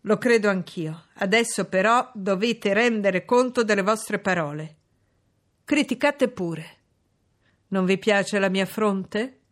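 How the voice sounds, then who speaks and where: A woman reading an audiobook, voicing a brusque, mocking middle-aged gentleman who teases and commands. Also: mid-range voice, slow pace, natural voice. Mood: sardonic teasing. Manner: sardonic, teasing, commanding.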